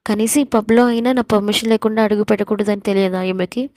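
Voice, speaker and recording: Lady voicing a smug sarcastic young guy, kinda flat delivery. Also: mid-range voice, fast, dry recording, clean studio sound, natural voice. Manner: sarcastic and taunting. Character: arrogant mocking young man, the hero.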